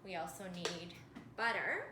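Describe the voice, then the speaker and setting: Presenting a children's cooking video in a home kitchen, a woman with a lowish voice talks like a kids' show host, using simple, sing-song, teacher-like phrases at an unhurried pace. The kitchen sounds echoey, with loud background noise and clattering pans.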